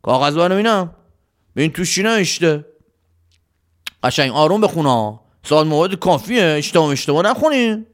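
A man's voice: fairly high pitch, very animated. A man voicing a bossy bandit leader who barks orders and scolds impatiently.

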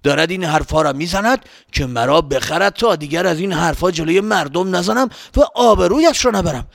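A man's voice: high-pitched, expressive, creaky, no room sound, clean studio sound, exaggerated voice. A man voicing a rude, hot-tempered grown man traveler in a children's story, scolding and grumbling to himself. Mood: suspicious. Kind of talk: storybook character voice.

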